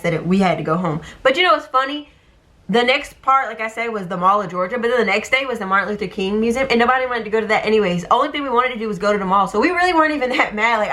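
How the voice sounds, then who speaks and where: A young woman telling a story casually, chatty and animated, full of fillers. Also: medium pitch. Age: young adult.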